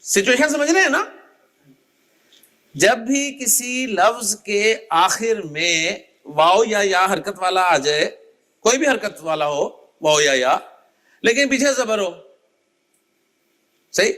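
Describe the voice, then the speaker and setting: A man's voice: sits high, lively intonation, slow pace, long pauses, bright, forceful tone. A man teaching an Arabic grammar class, explaining patiently and calling on students by name to recite word endings. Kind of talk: classroom lecture.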